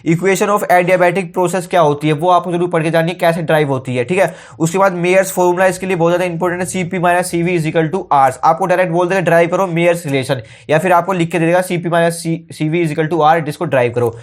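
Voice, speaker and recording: A young man teaching exam tips in a brisk, informal way, often saying okay. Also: on the high side.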